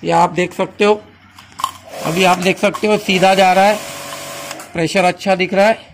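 High-voiced man giving a casual demo. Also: fairly even intonation, moderate pace, noisy background. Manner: friendly instructional, repeats "जी हाँ दोस्तों". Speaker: channel host demonstrating a car washer.

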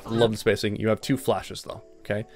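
Man, gaming coach, gravelly voice, direct instructive delivery, faint music behind. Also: on the low side, little pitch movement, fairly quick. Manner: direct, instructive, repeats key points. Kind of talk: coaching session with game review.

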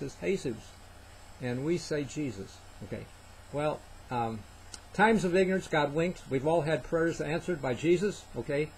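Older male Bible teacher, fairly high voice, faint noise behind, halting delivery full of fillers and check-ins. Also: poor audio. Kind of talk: informal Bible study talk.

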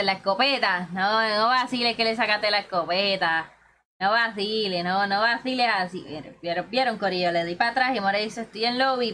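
A woman with a medium-pitched, bright, forceful voice chats during a game stream. Teasing both teammates and viewers, she addresses them as "corillo" and "bebesote" in casual livestream banter.

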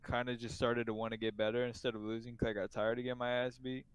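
A young man talks fast and bluntly in casual podcast chat, swearing freely. His voice is crisp and clear, recorded close and dry with little room sound. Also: medium pitch, little pitch movement, no room sound. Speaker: podcast co-host.

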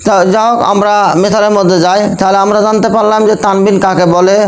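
A man's voice: high-pitched, little pitch movement, quick pace, rough recording. A young Bangladeshi man teaching Quran recitation to a class, repeating each point and asking his students rhetorical questions. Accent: Bangladeshi Bengali. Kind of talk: classroom lesson with call-and-response.

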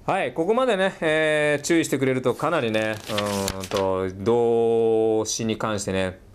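A middle-aged man giving a casual recorded lecture as a teacher, often checking in with the student and slowly sounding words out again and again. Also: medium pitch, a little hiss or hum. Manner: sounds words out slowly, stretching and repeating them. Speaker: English teacher.

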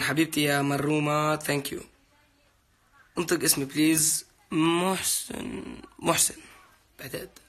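A young man hosts a casual livestream in a fairly high, bright voice that sounds forceful and slightly rough. Chatty and playful, he reads out viewer comments and thanks his fans.

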